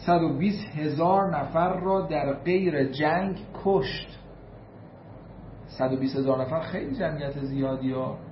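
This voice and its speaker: A man's voice: fairly high pitch, slight background noise. A man from Iran giving a storytelling sermon, emphatic, repeating key points and reciting Arabic quotations before translating them. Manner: emphatic, repeats figures for weight. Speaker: religious lecturer. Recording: roomy, slightly dull recording.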